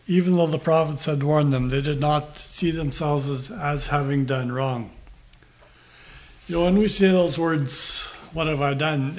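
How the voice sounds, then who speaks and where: Older male preacher, slightly high voice, slow measured scripture reading and plain sermon talk.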